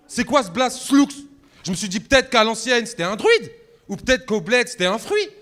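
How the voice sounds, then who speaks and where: Playful mocking battle rapper, high voice. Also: male voice, expressive, normal speed, fairly bright tone. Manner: mocking, playful insults with sing-song repetitions. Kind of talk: a cappella rap battle verse.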